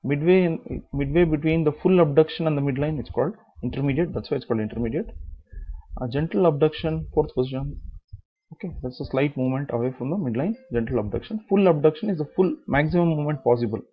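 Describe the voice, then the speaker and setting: A man's voice: a little high, fast talker, husky, lo-fi sound. A man giving a medical lecture, explaining step by step, repeating key terms and asking then answering his own questions.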